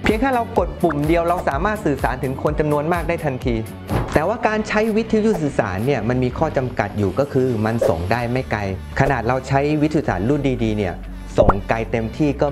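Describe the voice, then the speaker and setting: Guy in his 30s doing a product explainer, music playing behind him. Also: medium pitch. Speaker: product presenter. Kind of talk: scripted product explainer to camera. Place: small bright indoor showroom. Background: background music.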